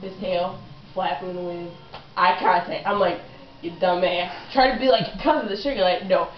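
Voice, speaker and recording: A woman's voice: on the low side, a little fast, roomy sound, soft background music. A woman telling a comic story to her cousins in a casual, profane way, often breaking into laughter, recorded from a distance in a lo-fi home video.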